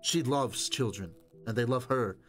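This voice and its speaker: A man voicing a brisk, bossy young wife who scolds her husband. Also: mid-range voice, faint music behind, close to an everyday voice. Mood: scolding. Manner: sharp, scolding, exasperated.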